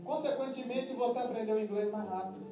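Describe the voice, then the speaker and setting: A pastor from Minas Gerais preaching a sermon in a Minas Gerais accent, humorous and emphatic, telling stories. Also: male voice, very high-pitched, brisk. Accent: Minas Gerais Brazilian Portuguese. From Minas Gerais, Brazil. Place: church hall before a congregation. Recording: echoey church hall, distant mic, music and congregation.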